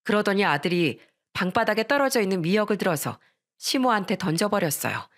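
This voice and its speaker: A woman narrating a first-person family story in a steady storytelling manner. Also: medium pitch, brisk.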